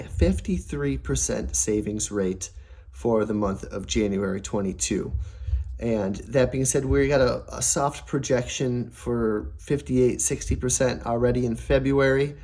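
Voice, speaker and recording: A man's voice: medium pitch, a little slow, darkish tone. A young adult man talking casually to camera about family savings, upbeat and rambling, with many fillers and restarts. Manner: voice prone to cracking. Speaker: personal finance vlogger.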